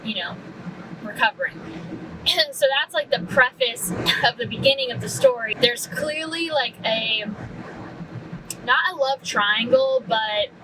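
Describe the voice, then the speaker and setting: A woman's voice: a little high, expressive, unhurried. Chatty woman vlogging from her car. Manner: chatty, rambling, many fillers. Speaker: book vlogger. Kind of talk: casual chat while driving. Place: inside a moving car. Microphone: camera mounted in the car. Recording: distant camera mic, road noise.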